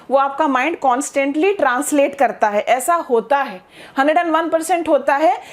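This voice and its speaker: A middle-aged woman teaching spoken English, spelling words out letter by letter and checking in with her learners. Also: high-pitched. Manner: addresses learners directly with frequent checks like "okay?". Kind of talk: classroom-style English lesson in Hindi.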